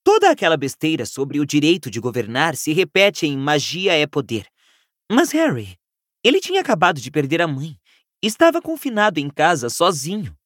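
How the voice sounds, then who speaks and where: A man's voice: a little high, wildly swooping pitch, normal speed, fairly bright tone, dry recording, clean studio sound. A Brazilian man reading an audiobook, voicing an earnest, reasoning teenage witch girl who pleads and explains patiently. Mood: pleading. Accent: Brazilian Portuguese. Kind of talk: audiobook character voice.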